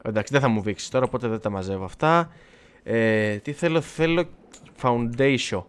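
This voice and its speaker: A man's voice: mid-range voice, lively intonation, clean tone. A man casually chatting while livestreaming gameplay, self-mocking and swearing, talking back to his viewers and the game. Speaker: gaming livestreamer. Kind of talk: casual live gameplay chat.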